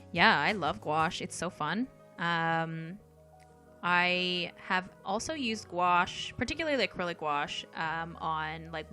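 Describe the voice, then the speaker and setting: This young woman from Canada runs an art livestream, reading viewers' comments aloud in easygoing conversation. Her voice is soft and lowish, with frequent ums and gentle laughs.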